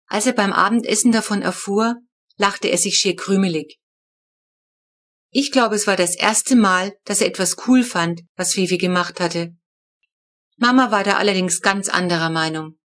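A woman reading a children's storybook aloud, telling the story in a lively first-person voice. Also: mid-range voice, moderate pace. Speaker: audiobook reader.

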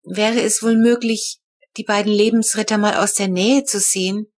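A woman voicing a shy, grateful older female neighbor in a storybook reading, speaking slowly and softly. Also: mid-range voice, fairly even intonation, natural voice.

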